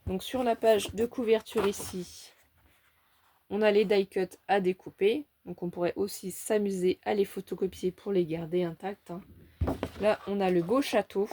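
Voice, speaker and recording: A woman's voice: mid-range voice, steady tone, moderate pace, warm tone, a little hiss or hum. A woman chatting through a scrapbooking haul, cheerful and enthusiastic as she shows each page. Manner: chatty, enthusiastic, fond of little words like "petite" and "hein". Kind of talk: casual show-and-tell haul.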